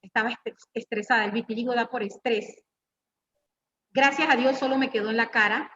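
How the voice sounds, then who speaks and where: A middle-aged woman with a high voice gives a homey, teasing sermon, firing questions straight at the women in front of her. The sound is dull and lo-fi, with a long echo from a church hall. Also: normal speed. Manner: lively, teasing, questions the audience directly. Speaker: guest speaker at church women's meeting. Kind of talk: informal preaching with personal stories.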